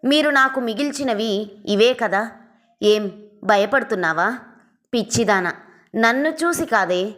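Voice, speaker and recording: A woman's voice: on the high side, a bit bright. A woman voicing a wounded aging mother who speaks in sorrowful, bitter reproach.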